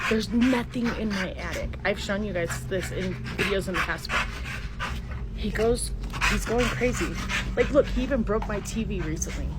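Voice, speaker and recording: A middle-aged woman filming inside her house on a handheld phone, talking in a hushed, shaky voice that often drops to a whisper. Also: medium pitch. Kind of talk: frightened home video narration. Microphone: handheld phone camera. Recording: phone video with clear background noise.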